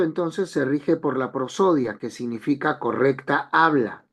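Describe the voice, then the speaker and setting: A man teaching an online language class, explaining step by step and repeating key phrases. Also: medium pitch.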